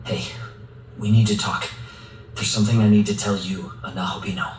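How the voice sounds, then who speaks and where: A man's voice: fairly low pitch, level tone, a little fast, a little hiss or hum, natural voice. A male actor voicing an earnest, determined young man in a video game, speaking sincerely and resolutely. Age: young adult. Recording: echoey, distant sound under music.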